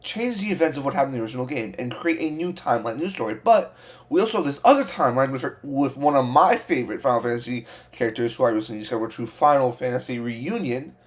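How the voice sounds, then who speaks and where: A man hosting a reaction video as an excited fan, babbling with overexcitement, gushing and repeating himself. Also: medium pitch, fast.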